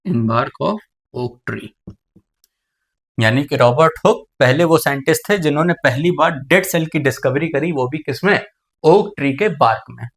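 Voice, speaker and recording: A man with a slightly higher voice gives a classroom biology lecture. He talks to his students warmly as "beta" and keeps raising a question before answering it himself. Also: brisk. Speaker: biology teacher.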